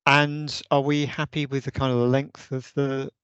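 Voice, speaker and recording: A man's voice: medium pitch, flat delivery, normal speed, fairly bright tone, clean tone, no room sound, lo-fi sound. A man on an online meeting call, suggesting ideas in a hesitant way with many restarts. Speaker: vice chair of a users' group meeting. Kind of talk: casual online meeting discussion. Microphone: video call.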